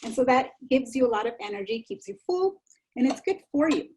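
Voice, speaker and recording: Female instructor, high mellow voice, chatty live cooking demo over video call. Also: expressive, a little fast, a little hiss or hum. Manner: chatty, reassuring, repeats herself. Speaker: enrichment instructor. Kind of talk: live online cooking demonstration.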